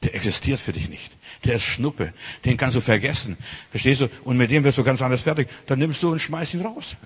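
Husky preaching man in a reverberant hall. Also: mid-range voice, fairly quick. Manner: addresses listener as du, emphatic preaching. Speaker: pastor. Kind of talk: informal sermon.

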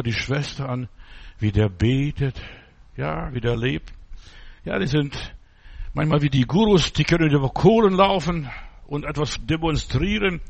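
A man's voice: a little high, gravelly, husky. A man preaching an informal sermon, blunt and mocking, in short broken phrases.

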